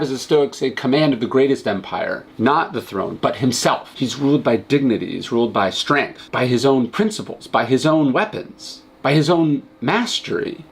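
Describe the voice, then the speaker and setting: A man's voice: mid-range voice, slightly rough. A man giving a casual but earnest commentary on philosophy and a film, repeating words and building to emphatic points. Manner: earnest, emphatic, rising intensity on key points; verbal restarts, conversational. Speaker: host.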